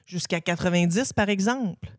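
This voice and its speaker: A talk-show host with a Québécois accent, quickly prodding the guests with questions. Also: medium pitch, no room sound, studio quality. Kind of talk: casual talk-show interviewing.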